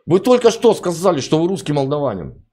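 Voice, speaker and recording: A man's voice: fairly high pitch, big pitch swings, brisk, mellow, breathy edge. A man hosting a chat stream, pressing a caller with the same question in a persistent, mocking way. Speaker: streamer host. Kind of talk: prank chat interrogation.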